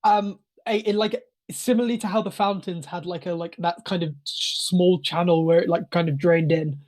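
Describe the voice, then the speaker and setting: A game master narrating a tabletop game over a voice call, improvising in a halting, self-correcting way. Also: medium pitch, steady tone, darkish tone.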